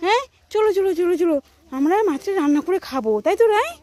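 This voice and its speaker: A woman's voice: extremely high pitch, animated, quick pace, mellow. A woman talking to her small child in a coaxing, sing-song way, asking many questions. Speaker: mother filming her child. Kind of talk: casual chat with a child.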